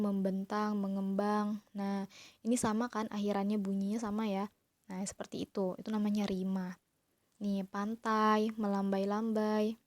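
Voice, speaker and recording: A woman's voice: mid-range voice, a little mellow, no echo. Woman teacher, patient and step-by-step, dry close-miked sound. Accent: Indonesian. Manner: patient, explains step by step, addresses pupils as friends. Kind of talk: online class lesson.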